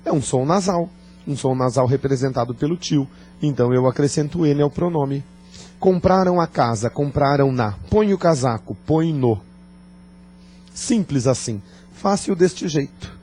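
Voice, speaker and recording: A man teaching a grammar lesson, talking deliberately, joking and quizzing his class. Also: on the high side, dark tone. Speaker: Portuguese teacher.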